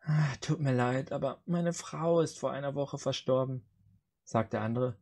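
A man's voice: medium pitch, normal speed, a little mellow. A man hosting a joke challenge on a video call, reading out short jokes and acting out their dialogue. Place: indoor room on a video call.

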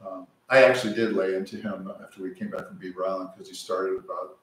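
Low-voiced older man telling stories, echoey. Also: fast. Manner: animated anecdotal storytelling, acting out quoted friends. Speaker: author at a book club. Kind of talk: casual storytelling to a live group. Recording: echoey room from a distant mic, faint ambience.

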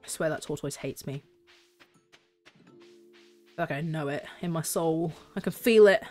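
A woman's voice: deep voice, measured pace, a little mellow, soft background music. A young woman chatting and joking while she streams a farming game. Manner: chatty, giggly, self-mocking. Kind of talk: casual gameplay commentary.

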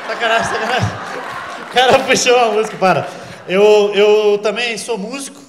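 A man's voice: high-pitched, moderate pace, a faint crowd, a little hiss or hum. A man in his thirties doing stand-up, telling a story, acting out voices and swearing. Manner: animated, acts out quoted voices, crude slang. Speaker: stand-up comedian. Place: comedy club stage. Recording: echoey live club with laughter.

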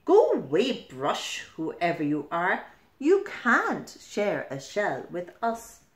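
A woman's voice: mid-range voice, wildly swooping pitch, takes it slowly. A woman voicing a grumpy, possessive crab from a storybook, bossy and emphatic, with a roomy echo. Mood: indignant. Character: grumpy, possessive crab guarding his shell. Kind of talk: storybook character voice.

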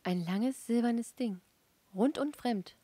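A woman's voice: a little high, slow pace, mellow, no echo, voice pushed up. A woman voicing a dreamy young Martian wife who eagerly describes a strange dream.

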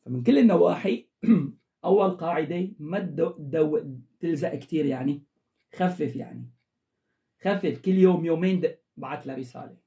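A man's voice: fairly high pitch, moderate pace, warm tone. A man giving emphatic, lecturing advice straight to the camera as the host of an advice channel. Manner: emphatic, lecturing, repetitive instructions. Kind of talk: direct-to-camera advice monologue.

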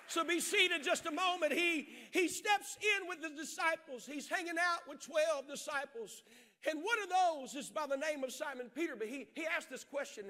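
High, bright-voiced impassioned preacher man. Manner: impassioned preaching, swinging from shouts to hushed storytelling. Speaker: pastor. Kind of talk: sermon. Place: large church stage.

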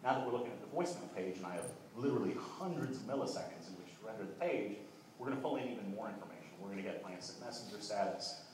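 Young man, keynote talk, low voice, quick pace, far from the mic in a big echoey hall. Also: expressive, background noise. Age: young adult. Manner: fast, fluent talk with frequent "uh" restarts. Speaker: keynote speaker. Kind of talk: conference keynote presentation. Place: large conference hall.

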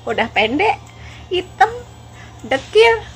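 A woman's voice: extremely high pitch, sing-song, slow, soft background music. A woman telling a casual vlog story, giggling and making fun of herself. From Java. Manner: giggly, self-mocking, laughs often between phrases. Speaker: vlogger.

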